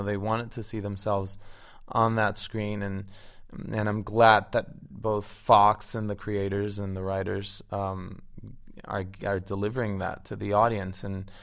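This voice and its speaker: A man's voice: lowish voice, vocal fry, clean tone. A man from Venezuela with a Venezuelan accent, an actor guest chatting eagerly and restarting his words often. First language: Spanish. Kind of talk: casual interview chat.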